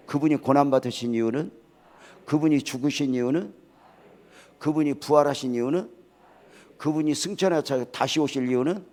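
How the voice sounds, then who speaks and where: An older man delivers a church sermon with lively energy. He quizzes the congregation, calls for responses, and drifts into relaxed conversational stories between points. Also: medium pitch. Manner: casual storytelling asides. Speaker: pastor. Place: church sanctuary.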